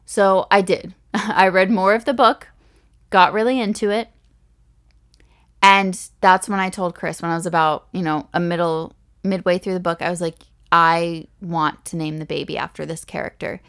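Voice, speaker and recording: A woman's voice: on the low side, fairly even intonation, normal speed, a bit bright. A young pregnant woman hosting a podcast, talking in a gushing, chatty way with frequent restarts and little laughs. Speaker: podcast host. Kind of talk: casual solo podcast talk.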